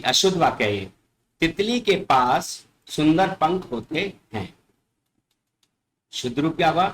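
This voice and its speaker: A man teaching a class, slowly repeating each word for young pupils and answering his own questions. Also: on the high side, a bit bright, slight background noise, poor audio. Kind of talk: classroom lesson explaining word corrections.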